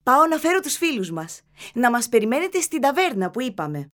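Woman doing a brisk friendly young woman. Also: high-pitched, sing-song, voice pushed up.

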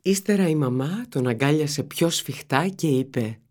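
Expressive audiobook narrator. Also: mid-range voice. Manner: expressive, storytelling. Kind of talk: scripted narration of a children's novel.

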